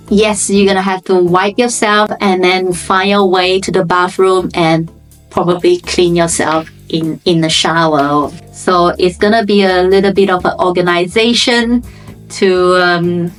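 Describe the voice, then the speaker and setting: Chatty Malaysian woman vlogging. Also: mid-range voice. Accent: Malaysian English. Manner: chatty and informal, with loose non-native grammar. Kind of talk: casual chat to camera.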